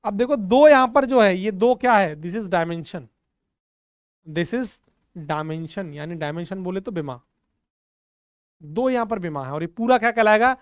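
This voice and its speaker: Teaching physics from the board, a man speaks Hindi laced with English terms and frequently asks the class whether they follow. He restates his questions and supplies the answers himself. His high, smooth voice is a little slow with long pauses, captured in a dry, clean studio recording.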